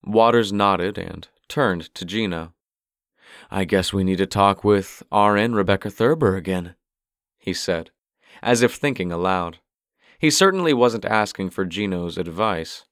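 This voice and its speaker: A man with a low voice narrates an audiobook in a steady, even way. The recording is very dry and close to the mic. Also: no echo.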